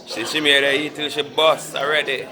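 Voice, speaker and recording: A man's voice: a little high, little pitch movement, moderate pace. A man bantering in patois while filming a family dinner. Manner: joking, laid-back patois banter. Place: family home at a holiday dinner. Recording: music and crowd chatter clearly behind.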